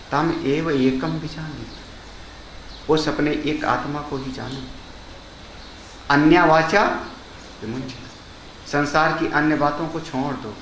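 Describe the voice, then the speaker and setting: An older man, a swami, giving a discourse on scripture, chanting Sanskrit verses slowly and then explaining them in conversational speech with rhetorical questions. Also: fairly high pitch, a bit bright, slight background noise. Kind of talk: Hindi discourse on Vedanta. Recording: echoey hall ambience.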